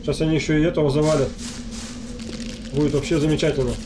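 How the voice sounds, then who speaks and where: Casting: male let's play host, fairly high voice, casual muttered commentary, game noise behind. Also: flat delivery, fast. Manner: muttering to himself while playing, addressing viewers. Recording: noisy, game sound behind voice.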